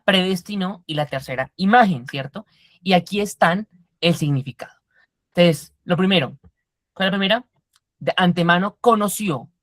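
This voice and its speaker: Woman Bible teacher, lower pitch, dry close sound, quizzes her class and walks through word meanings. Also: dry recording. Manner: quizzes the class and explains Greek words step by step.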